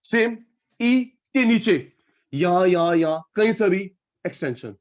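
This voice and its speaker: A man's voice: high-pitched, animated, a little slow, highs cut off. A male teacher running an online class, calling out students by name and repeating key terms again and again.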